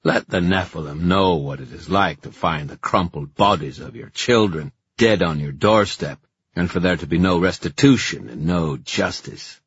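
Sneaky fanatical pack boss, guy doing the voice, menacing, husky, lo-fi. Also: low voice, normal speed, no room sound. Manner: menacing, scheming. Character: sly, fanatical male werewolf leader.

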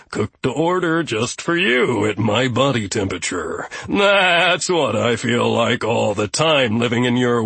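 A man voicing a bitter, sardonic male billy goat in an audiobook, snide and deadpan, with a husky voice. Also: mid-range voice, dry recording, heavily acted.

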